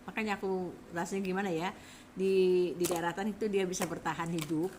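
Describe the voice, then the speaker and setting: A middle-aged woman rambles casually about food on a live stream, then pitches a herbal product to her viewers. Her tone is steady, brisk and darkish, with slight background noise.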